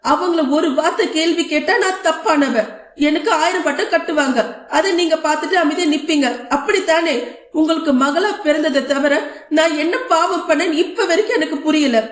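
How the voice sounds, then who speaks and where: A woman's voice: extremely high pitch, reverberant. A woman doing a wounded daughter's reproach. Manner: reproachful, pleading questions. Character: hurt married daughter confronting her father.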